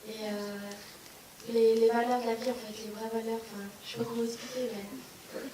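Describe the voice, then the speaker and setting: A woman's voice: a little high, flat delivery, normal speed, background noise. Hesitant young woman from the audience. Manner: hesitant, searching for words. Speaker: audience member. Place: large hall with an audience. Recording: echoey hall, far from the mic.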